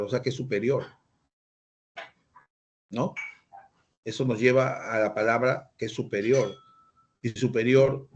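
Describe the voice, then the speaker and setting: A man's voice: mid-range voice, dull audio. A man preaching a sermon, teaching through rhetorical questions and acted-out quotes. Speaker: pastor.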